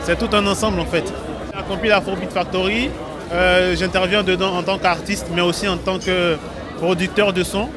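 Man, thirties, casual interview, high voice, flat delivery, party crowd and music behind. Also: moderate pace. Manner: relaxed, hesitant with fillers. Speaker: artist and producer. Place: indoor event room, backstage.

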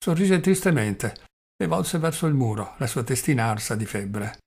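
A man narrating a novel as an audiobook reader, in a steady, measured way. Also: mid-range voice, gravelly, slightly rough.

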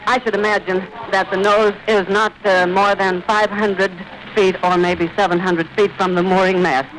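1930s radio guy describing a scene live outdoors, highish voice, urgent, stops to get his breath, faint hiss. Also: little pitch movement, fairly bright tone, rough recording. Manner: vivid, urgent descriptive commentary with pauses to catch breath. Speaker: radio reporter. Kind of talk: live eyewitness radio report. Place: outdoors at an airfield. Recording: old 1930s archive radio recording with hiss.

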